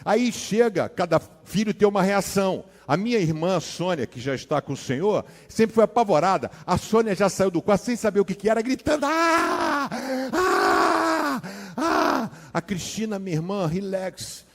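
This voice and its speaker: A Brazilian man preaching a sermon as a pastor, telling stories in a slangy, animated way that swings from hushed asides to loud dramatic bursts. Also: high-pitched, fairly quick, hardly any pauses. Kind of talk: sermon with personal storytelling. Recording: long hall reverb.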